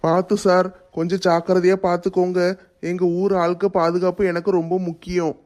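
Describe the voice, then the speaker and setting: A man plays a worried village elder in a homemade skit. His voice sits high and barely moves in pitch, and he speaks insistently. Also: little pitch movement, a little fast, darkish tone. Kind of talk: family skit acting.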